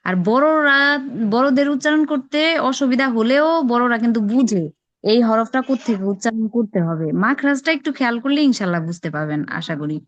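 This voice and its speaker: A woman's voice: on the high side, animated, brisk. A woman teaching Arabic letter sounds in an online class, patiently repeating drills and encouraging her students. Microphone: online call microphone. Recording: dull lo-fi online call audio.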